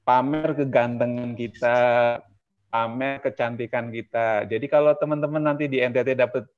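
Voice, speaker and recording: A man with a mid-pitched voice gives a casual, chatty talk as a trainer over a video call. His delivery is relaxed, and he pokes fun at himself. The sound is a bit dull and lo-fi. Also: normal speed. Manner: relaxed, chatty, self-deprecating.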